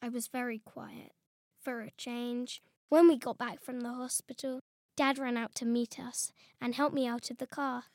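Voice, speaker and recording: A high-pitched woman reads a children's storybook aloud, telling it in an expressive first-person voice as a young boy. Her voice is close and dry, with no room sound around it. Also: normal speed, dry recording. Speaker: storybook reader.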